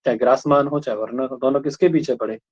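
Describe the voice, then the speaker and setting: A man's voice: medium pitch, steady tone, fast, darkish tone, husky. A male teacher giving a classroom lecture, asking students questions again and again and checking that they follow. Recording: dull lo-fi recording.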